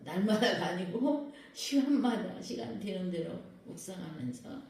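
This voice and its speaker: A woman pastor preaches in a prayer house worship hall with a mellow, warm, mid-range voice, unhurried yet lively, constantly putting questions to her congregation. She stands far from the mic, so the very echoey hall gives her voice a heavy, lingering reverb, and there is slight background noise.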